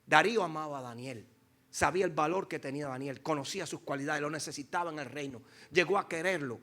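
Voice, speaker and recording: A male pastor preaching a sermon to his congregation, swinging between loud declarations and hushed, slow phrases, and calling for responses. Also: on the high side. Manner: addresses congregation directly, calls for responses.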